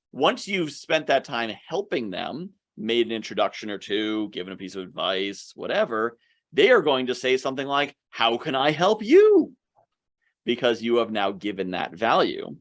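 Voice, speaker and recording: A man presenting on a video call at an online business summit. He speaks in a conversational way and slips into little acted-out dialogues. His pitch sits in the middle of the range. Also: a bit bright. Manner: conversational, acts out quoted dialogue. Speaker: speaker on networking.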